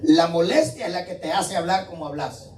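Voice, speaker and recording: Conversational preacher in an echoey hall. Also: male voice, a little high, lively intonation, a little fast, a little mellow, distant mic, a little hiss or hum. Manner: conversational, keeps checking in with the congregation. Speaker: pastor. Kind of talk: sermon. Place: church hall.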